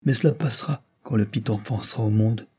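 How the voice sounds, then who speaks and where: A man voicing a timid, gentle young noble wife who speaks softly and apologetically. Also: on the low side, fast, slightly rough. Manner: soft and apologetic.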